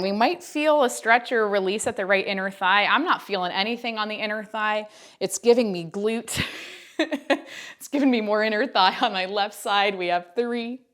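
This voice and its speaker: A woman's voice: fairly low pitch, a bit bright. Chatty young woman coaching Pilates. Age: 20s. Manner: chatty and encouraging, counts down reps between asides. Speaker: Pilates instructor. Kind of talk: workout class instruction. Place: indoors at home. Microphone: wearing a mic.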